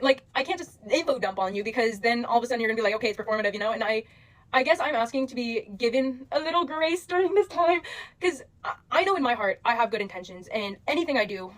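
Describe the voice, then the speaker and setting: Young woman rambling to her followers, tons of "like", quick and kinda high. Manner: rambling, filler-heavy, gushing. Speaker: social media creator. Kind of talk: casual talk to followers.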